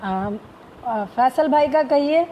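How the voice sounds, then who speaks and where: A woman's voice: sits high, slow pace, dull audio, slight background noise. A woman hosting a live stream, opening with formal greetings and often hesitating between phrases. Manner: formal Urdu-inflected greetings, many hesitations.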